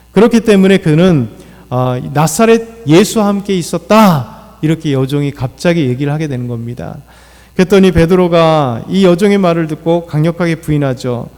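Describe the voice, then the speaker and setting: A man's voice: a little high, darkish tone. A male pastor preaching an early-morning sermon, talking freely with fillers and acting out quoted lines. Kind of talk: dawn prayer sermon. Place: church sanctuary. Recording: church hall reverb.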